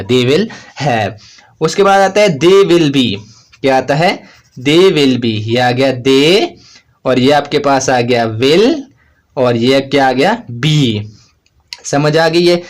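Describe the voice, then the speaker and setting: A man with a somewhat high voice for his sex teaches a shorthand lesson on video. He talks through each stroke as he writes it. He keeps asking the class a question and then gives the answer himself, with plenty of repetition. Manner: asks rhetorical questions and answers them himself; slow, repetitive explanation while writing.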